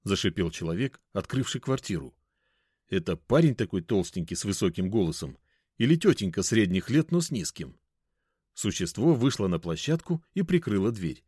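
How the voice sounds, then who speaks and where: Man, first-person audiobook narration, wry and conversational, lowish voice, dry sound. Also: big pitch swings, moderate pace, mellow, slightly rough, no echo.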